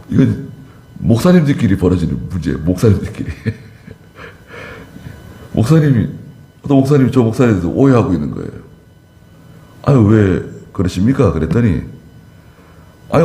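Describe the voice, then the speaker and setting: A man's voice: on the low side, sing-song, normal speed, long pauses, mellow, roomy sound. A male pastor preaching a conversational sermon, acting out short dialogues in a church.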